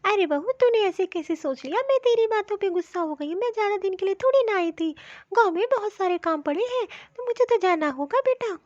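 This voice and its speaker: A simple, warm-hearted old mother-in-law from the village, voiced by a woman for a cartoon, talking in a homely, affectionate way. The voice sits very high. It is a dull, dry lo-fi recording. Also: animated, fairly quick, no echo. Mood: gentle. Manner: homely, affectionate, rustic talk. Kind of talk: cartoon voice acting.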